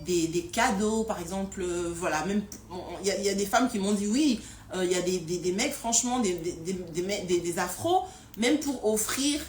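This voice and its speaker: Speaking at normal speed to viewers of her live stream, a woman with a middle-pitched, slightly mellow voice stumbles through repeated words and fillers as she thinks out loud. Everything sounds roomy and echoey, over a faint background hiss.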